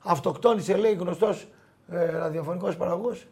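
A middle-aged man telling anecdotes in a casual chat, animated, quoting people and laughing often. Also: high-pitched, gravelly. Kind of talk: casual storytelling.

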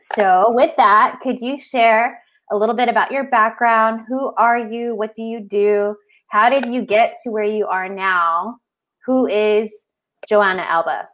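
A woman co-host asking the guest slow, deliberate questions. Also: on the high side, steady tone, highs cut off, slight background noise. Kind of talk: interview questions.

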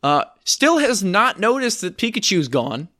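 Bright, lively, sarcastic man podcasting. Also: sits high, a little slow, dry recording, clean studio sound. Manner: sarcastic, rambling with fillers. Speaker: podcast co-host recapping films. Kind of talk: casual chat.

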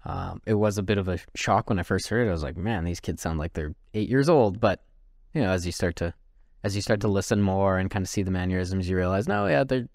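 A man's voice: low voice, fast, creaky, darkish tone, no echo, studio quality. A man co-hosting a casual podcast, easygoing and teasing his co-host. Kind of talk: casual chat.

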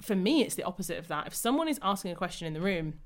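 A woman's voice: lowish voice, sing-song, rapid-fire. A woman hosting a podcast, talking enthusiastically and reflectively in a casual conversation. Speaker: podcast host.

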